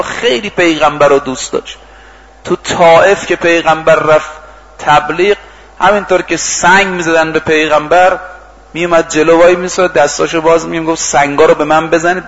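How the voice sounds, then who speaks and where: A man's voice: fairly high pitch, fairly bright tone, in a large hall, slight background noise. A man preaching in a storytelling way, acting out dialogue and reciting scripture and verse. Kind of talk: storytelling sermon. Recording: dull lo-fi recording.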